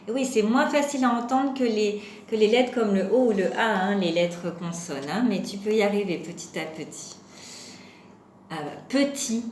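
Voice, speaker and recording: A young woman teaching preschoolers at home, talking in a patient, sing-song way and spelling out sounds slowly. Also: mid-range voice, a little mellow. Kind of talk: home-schooling lesson for young children. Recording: roomy echo with faint background hum.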